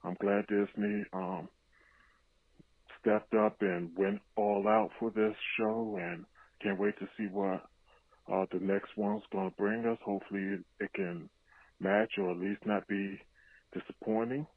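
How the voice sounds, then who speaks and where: A man's voice: fairly low pitch, little pitch movement, measured pace, no room sound. Man's voice on a tinny voicemail. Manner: laid-back, hyped reactions. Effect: played voicemail over phone line. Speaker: listener leaving a voicemail. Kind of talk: casual spoken voicemail. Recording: tinny, dry phone-line voicemail.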